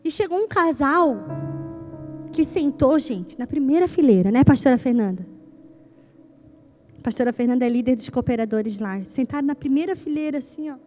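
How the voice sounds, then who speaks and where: A woman pastor preaching a sermon at a church service. She stresses her points by repeating lines and tells stories with lively, voiced dialogue. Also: sits high, moderate pace, faint music behind.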